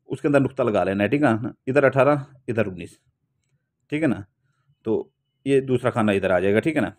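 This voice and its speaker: A man's voice: medium pitch, a little mellow. A man with a Pakistani Urdu accent teaches how to draw a talisman step by step, often adding a short tag phrase as he goes. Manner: keeps saying a tag phrase, plain step-by-step instruction. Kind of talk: spoken tutorial while drawing.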